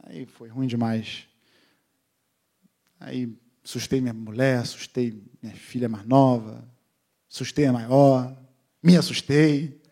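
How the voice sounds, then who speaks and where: A middle-aged man with a medium-pitched voice preaches a sermon. He tells a family story in a lively way, acting out the voices of his relatives.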